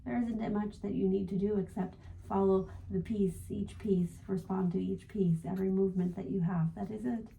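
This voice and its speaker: A woman channeling a gentle male spirit guide as a seance medium, speaking formally and ending phrases with a questioning "yes?". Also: mid-range voice, fairly even intonation, normal speed, creaky, few pauses, slight background noise, natural voice, poor audio. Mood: gentle, assured. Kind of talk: spiritual guidance in trance channeling session.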